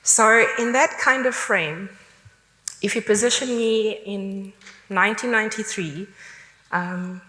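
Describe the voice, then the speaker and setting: A woman's voice: mid-range voice, fairly even intonation, takes it slowly, sharp tone. A woman from South Africa with a South African accent, giving a candid, conversational conference talk. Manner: candid, conversational, self-deprecating. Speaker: conference speaker. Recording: long hall reverb.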